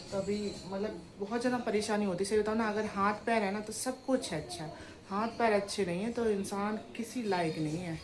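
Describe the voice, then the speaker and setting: A woman's voice: medium pitch, background noise. A young woman filming a casual home vlog, chatting and rambling straight to the camera on a clip-on mic indoors. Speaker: vlogger.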